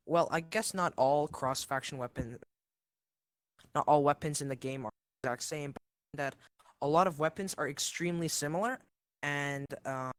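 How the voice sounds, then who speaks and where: A man's voice: a little high, a bit bright, clear, resonant tone, no room sound. A man talking casually as a guest on an online voice call, hesitant and full of ums, with a choppy connection that keeps cutting in and out. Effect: choppy voice chat cutting in and out. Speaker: guest player on voice chat. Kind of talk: casual chat. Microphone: online voice chat.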